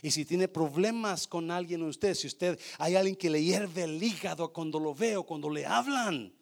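A man preaching a sermon as pastor, animated, swinging between loud exhortation and quiet asides, mixing English phrases into his Spanish. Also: a little high, moderate pace, gravelly.

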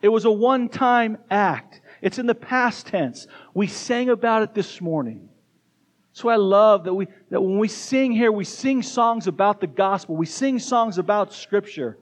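High-voiced man preaching with energy. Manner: energetic, addresses kids and congregation directly, quick bursts. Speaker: pastor. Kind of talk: sermon. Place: church sanctuary.

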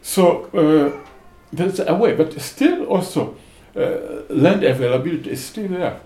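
A man giving an unscripted, thoughtful seminar answer in a hesitant, halting way, with a gravelly voice. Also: a little high, animated, mellow. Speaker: panel speaker. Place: seminar room. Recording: roomy echo, faint background noise.

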